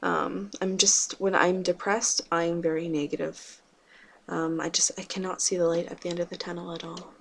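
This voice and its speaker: A woman talking to camera in a personal confessional vlog, subdued and halting, with many fillers and restarts. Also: lowish voice, level tone, vocal fry, a bit bright. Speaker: vlogger.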